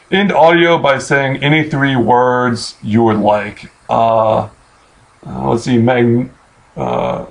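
An American man in his late twenties answers questions off the cuff in a halting, casual way, thinking aloud into a computer mic in a bedroom. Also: medium pitch, vocal fry. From Missouri, United States. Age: late 20s. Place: small bedroom, indoors. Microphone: webcam or computer mic at arm's length.

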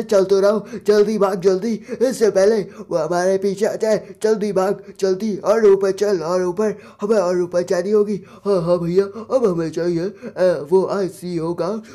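A man giving excited gameplay commentary as a gaming YouTuber, hurried and urging, repeating words over and over. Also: high-pitched.

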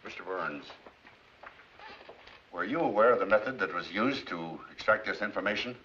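A formal, deep-voiced judge. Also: male voice, animated, bright, forceful tone, a little hiss or hum. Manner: formal and deliberate. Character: stern, deliberate courtroom judge. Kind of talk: 1940s film acting. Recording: dull old film soundtrack.

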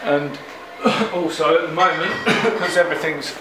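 Filmed on a handheld camera that stays close as he moves, a middle-aged head brewer gives a tour indoors in a big, echoing brewery. His voice is male and a little high, and his speech is plain and unhurried with fillers. Air-conditioning hums through the echoey rooms.

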